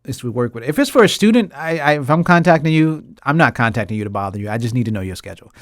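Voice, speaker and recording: A man's voice: medium pitch, animated, rapid-fire, no echo, studio quality. A man hosting a casual talk about a TV drama, ranting emphatically with lots of repetition and frequent laughs. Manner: laughs often. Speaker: host; English teacher.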